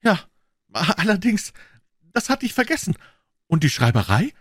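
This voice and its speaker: A man voicing an excitable middle-aged pawnbroker who talks in high, eager exclamations in an audiobook. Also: moderate pace, breathy edge, dry recording, clean studio sound, exaggerated voice. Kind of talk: audiobook character voice.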